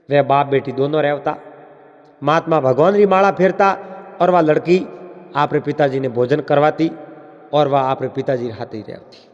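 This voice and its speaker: A man with a Marwari accent narrating a folk tale in an unhurried storytelling manner, slipping into quoted characters. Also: on the high side, a little mellow. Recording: dull lo-fi with long reverb.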